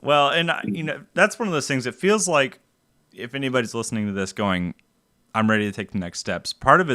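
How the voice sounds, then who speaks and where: A man's voice: fairly low pitch, bright, forceful tone, dry recording, studio quality. A man hosting a podcast who sums up the conversation for listeners, enthusiastic and reflective. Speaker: podcast host. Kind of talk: casual podcast interview.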